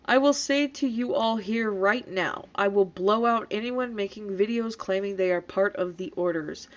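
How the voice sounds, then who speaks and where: A woman's voice: mid-range voice, moderate pace. A woman reading comments aloud in disbelief and adding casual, sarcastic, scoffing commentary with plenty of swearing. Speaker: YouTube commentator reacting to comments. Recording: dull, lo-fi sound.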